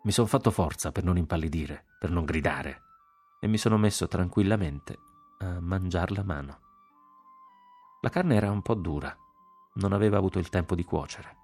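A man with an Italian accent reading a literary novel aloud in a measured, deliberate way. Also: sits low, darkish tone, husky, faint music behind. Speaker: audiobook narrator.

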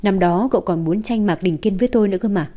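A woman reading the part of a calm young mother who speaks softly and dryly, with a cutting edge. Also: medium pitch, natural voice. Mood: cool. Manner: soft, unhurried, dry.

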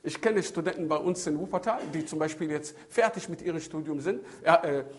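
A middle-aged man delivers a religious sermon about raising children, pitched on the high side and a little fast. He tells it like an animated story, acting out dialogues, repeating himself and posing rhetorical questions. He slips Arabic phrases in as he goes.

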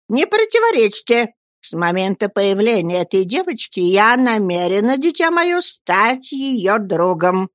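A woman's voice: medium pitch, no room sound, clean studio sound. A woman voicing a brusque, domineering elderly aunt in an audiobook, curt and emphatic. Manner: commanding, curt, slow and emphatic. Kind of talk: audiobook character voice.

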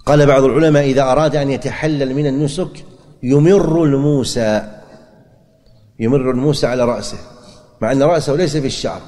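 Male religious teacher, mid-pitched, methodical and repetitive delivery, long hall reverb. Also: warm tone. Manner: deliberate explaining, repeats key phrases, asks and answers his own questions. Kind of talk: classroom lecture on religious rulings.

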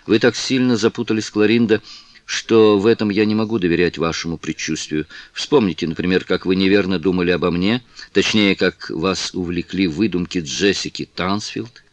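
A composed aristocratic gentleman, read by a man with a deep, low voice, unhurried and measured. The sound is dry and close, with no room around it. He talks with calm authority, the way a storybook lord would. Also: no room sound, close to an everyday voice. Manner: slow, measured, condescending calm. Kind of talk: audiobook character reading.

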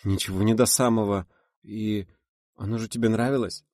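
A man's voice: lowish voice, fairly even intonation, normal speed, darkish tone, no room sound, studio quality, pitched above the performer's own voice, close to an everyday voice. A man doing a playful, teasing young woman.

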